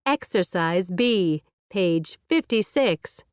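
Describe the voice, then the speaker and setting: A woman announcing exercises and page numbers for a textbook audio track in a crisp, formal way. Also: fairly low pitch, lively intonation, takes it slowly, no room sound, studio quality.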